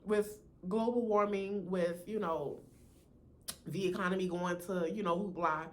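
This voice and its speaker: A woman's voice: on the low side, fairly even intonation, measured pace. An American woman with a slight lisp from braces, chatting casually to her viewers as a sassy, talkative video host. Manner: sassy and chatty, peppered with "honey", "you know" and "right?".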